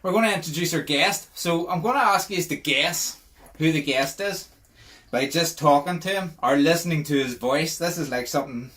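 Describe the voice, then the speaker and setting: A middle-aged Northern Irish man hosting a mountain-bike podcast, ribbing his guest and laughing between lines. His voice is slightly high for a man, and he talks in loose, restarting bursts. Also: moderate pace, fairly bright tone. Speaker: podcast host. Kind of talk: casual chat.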